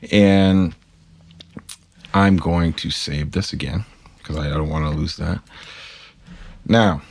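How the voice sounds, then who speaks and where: A guitar gear tutorial maker talks slowly in an extremely low, creaky, darkish voice, a pick in his mouth. His casual screen-capture tutorial goes step by step, chatty and self-correcting, addressed straight to his viewers.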